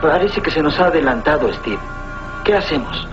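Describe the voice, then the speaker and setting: Guy doing keen teen sidekick from a hero cartoon, higher voice, exclaims a lot, music behind, lo-fi. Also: lively intonation, normal speed, lightly acted. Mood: puzzled, earnest. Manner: eager, exclamatory, respectful. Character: eager, earnest boyish teenage male sidekick. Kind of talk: dubbed superhero cartoon acting. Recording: dull lo-fi soundtrack with music.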